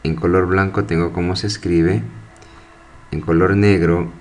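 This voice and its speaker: A man's voice: sits low, little pitch movement. A man teaching, who walks students through a study questionnaire and reads each answer word by word. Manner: slow, deliberate, spelling out each word.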